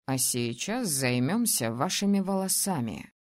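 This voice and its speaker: A woman voicing a young male ruler in an audiobook, teasing and domineering, speaking low, slow and calm. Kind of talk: audiobook character voice.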